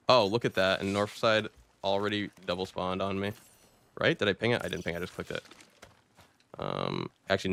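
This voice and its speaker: A male gaming streamer talks over his match in a relaxed, chatty way. His voice sits somewhat low. He keeps it loose and casual, dropping slang as he plays. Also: gravelly, a little hiss or hum. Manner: laid-back, chatty, says "bro" and "dude" often. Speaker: game streamer. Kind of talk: casual gameplay commentary.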